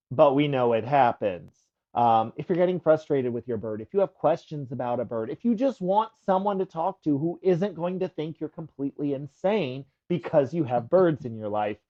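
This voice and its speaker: Upbeat chatty man on a livestream. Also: medium pitch. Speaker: livestream co-host. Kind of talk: casual livestream announcements. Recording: dull lo-fi livestream audio.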